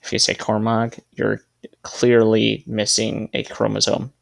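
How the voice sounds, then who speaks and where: A man's voice: fairly low pitch, monotone, a little slow, gravelly. A man giving casual gameplay commentary, thinking aloud as he sets up a team and correcting himself as he goes. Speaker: gaming video creator.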